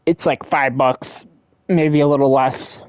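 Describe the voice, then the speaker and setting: A man's voice: medium pitch, fairly even intonation, unhurried, smooth, no room sound. A man giving casual, joking commentary as he plays a video game and reads its text aloud. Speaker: let's play streamer.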